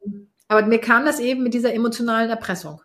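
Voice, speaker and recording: A woman's voice: a little high, fairly even intonation, fast, fairly bright tone. German-speaking mother chatting on a podcast. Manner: thinks aloud with many fillers and restarts. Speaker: podcast co-host. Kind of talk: casual podcast conversation about parenting.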